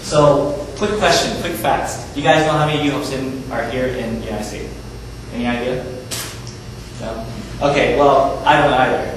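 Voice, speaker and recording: Male moderator, casual, addressing a room, recorded from far off in a big echoey hall with steady noise. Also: medium pitch, normal speed. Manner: asks the room questions, informal. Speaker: workshop moderator. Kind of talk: conversational presentation to an audience. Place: large conference hall.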